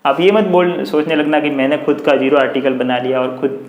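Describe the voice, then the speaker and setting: A man with a Hindi accent teaching English grammar, explaining slowly and dictating example sentences word by word. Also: mid-range voice, roomy sound. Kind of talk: classroom-style grammar lesson.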